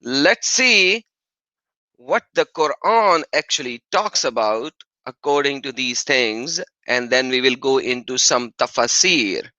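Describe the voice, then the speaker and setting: A man hosting a casual live stream, enthusiastic and quick to laugh. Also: medium pitch, expressive, pushed and bright, no echo. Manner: upbeat, enthusiastic, laughs often. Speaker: livestream host. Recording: dry, dull lo-fi stream audio.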